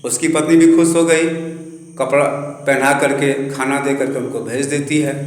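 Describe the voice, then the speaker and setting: A man telling a village folk tale in a lively, animated way, recorded in a very echoey room. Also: mid-range voice, normal speed. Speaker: storyteller. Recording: very echoey room, long reverb.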